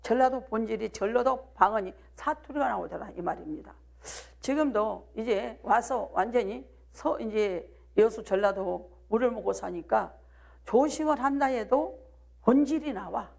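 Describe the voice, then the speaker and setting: At normal speed, in a slightly high, a little mellow voice with vocal fry, a woman pastor from South Jeolla, Korea preaches live at a midweek service in her Jeolla accent. She keeps challenging the congregation with rhetorical questions and asking "do you believe?".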